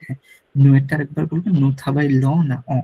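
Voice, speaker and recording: A man's voice: mid-range voice, steady tone, fast talker, breathy edge, phone-quality sound. A man teaching a French lesson to students, patiently repeating pronunciation drills. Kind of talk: classroom lecture.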